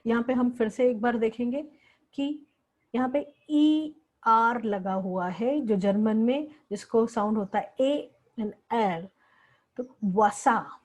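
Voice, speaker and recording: A woman's voice: on the high side, slow pace, a little mellow, low-quality recording. A woman teaching a language lesson, patiently repeating each word several times. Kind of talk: slow spoken lesson with repeated words.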